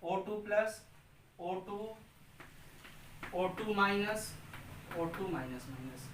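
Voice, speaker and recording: A man teaching chemistry runs a drill for his class, answering his own questions and repeating key terms in a chanting cadence. His high-pitched, slightly bright voice is expressive, and he draws out his words. The audio has echo from the room, a distant mic, and faint hiss.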